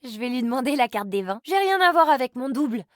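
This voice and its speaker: Voicing a playful young immortal agent in a video game, a woman is fast, very animated, and high-pitched, tossing off sarcastic, slangy, teasing lines. The studio recording is clean, with no room sound.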